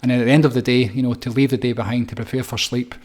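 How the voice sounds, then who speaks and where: A middle-aged man with a mid-pitched voice leads a guided breathing session. His delivery is calm and repetitive, walking listeners through each step. He often pauses on fillers and restarts his phrases. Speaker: breathwork coach.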